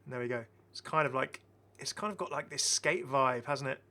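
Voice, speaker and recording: Commentating casually on game skins, a middle-aged gaming video host sounds enthusiastic and chatty, with frequent repeated phrases. His mid-range voice is brisk, bright and forceful.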